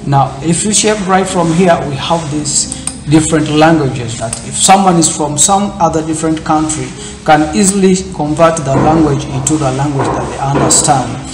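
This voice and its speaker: In a screen-recorded tech tutorial, the male host talks through the steps loosely and repetitively with lots of fillers, visible in a corner webcam in an indoor room. He has a fairly high pitch, and the sound is roomy.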